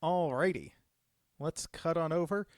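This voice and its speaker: A man's voice: a little high, a little slow, no room sound, studio quality. A man hosting a live stream Q&A, casually revealing cards with enthusiasm. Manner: enthusiastic, upbeat card reveals. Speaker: judge program host.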